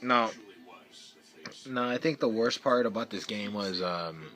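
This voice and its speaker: A young man ranting casually about his team's loss, profane, swinging between loud outbursts and low muttering. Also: unhurried. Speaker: fan vlogger. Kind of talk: casual sports rant.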